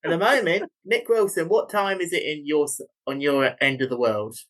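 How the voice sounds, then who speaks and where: A man's voice: fairly high pitch, moderate pace, a bit bright. A man from New Zealand with a thick Kiwi accent that leans British, chatting casually and ramblingly as a guest co-host. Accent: thick New Zealand, leaning British. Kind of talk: casual chat.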